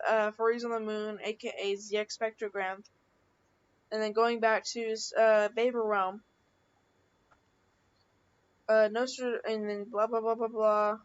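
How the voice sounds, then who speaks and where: A woman's voice: fairly high pitch, dull audio. A woman reading out chat messages in improvised, unscripted commentary, rambling with frequent restarts and fillers. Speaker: channel creator reading screenshots.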